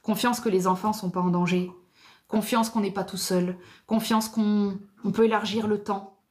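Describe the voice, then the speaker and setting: Calm, repetitive woman speaking on therapy. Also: mid-range voice. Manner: slow, repetitive, drops to near whisper. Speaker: psychotherapy speaker. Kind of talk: live reflective talk.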